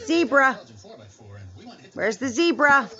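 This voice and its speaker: Slow sing-song woman praising a toddler. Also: high-pitched, lively intonation. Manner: sing-song, warmly praising, repetitive prompts. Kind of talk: slow toddler picture-book quiz. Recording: dull lo-fi home recording.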